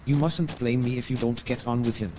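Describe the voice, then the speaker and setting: In a staged radio play, an actor lightly portrays a courteous, gossipy Victorian gentleman who gives formal, measured, hesitant explanations in a hedging manner. His voice is medium-pitched, with a noisy background.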